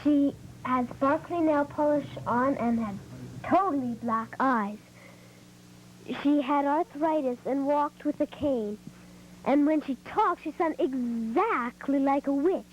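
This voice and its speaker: A woman's voice: high voice, takes it slowly, lo-fi sound, slight background noise. A woman breezily telling a comic story in a chatty, breathless way. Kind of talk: comic monologue.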